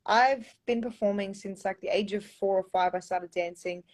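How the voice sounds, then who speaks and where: A woman's voice: mid-range voice, steady tone, normal speed. A young Australian woman chatting casually on a phone livestream, reading out viewer comments and answering them with lots of ums and likes. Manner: chatty, reads viewer comments aloud, often says um and like. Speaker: pageant contestant answering fans. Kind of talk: casual live-stream Q&A.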